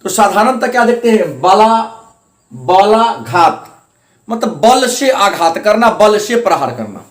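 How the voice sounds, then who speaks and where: A man teaching a classroom grammar lesson, his voice pitched high for a man and bouncing in an echoey room. He explains step by step, repeating each point and leaning on syllables to show them. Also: very animated, normal speed, hardly any pauses. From India.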